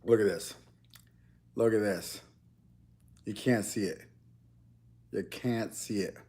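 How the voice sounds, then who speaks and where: Eating on camera, the young mukbang YouTuber talks slowly in a fairly low, dark-toned voice. His chat is loose and rambling, full of restarted sentences.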